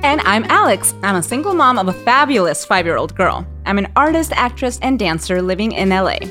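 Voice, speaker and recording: An animated woman in her young adult years chats as a podcast co-host, her pitch bouncing widely as she laughs often and swears casually. She sounds loose and playful, with faint music underneath. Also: brisk. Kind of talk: casual chat.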